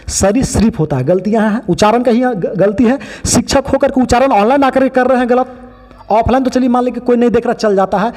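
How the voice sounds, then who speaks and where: A man's voice: high-pitched, a little mellow, in a large hall. A man teaching biology, pointing out other teachers' mistakes in a critical, explaining way. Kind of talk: online lesson commentary.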